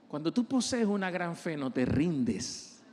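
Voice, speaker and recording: A man's voice: a little high, very animated, unhurried, darkish tone, long reverb tail, a little hiss or hum. A male pastor preaching an impassioned sermon and acting out the voices of the people he quotes.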